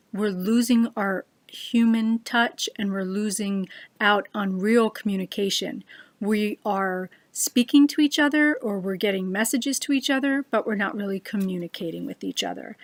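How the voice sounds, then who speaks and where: An earnest woman speaks straight into her computer's webcam. She gives a personal talk and slows down to press her main points. Her voice sits at a middling pitch and the recording is dry and close. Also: no echo. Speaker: speaker giving a short talk.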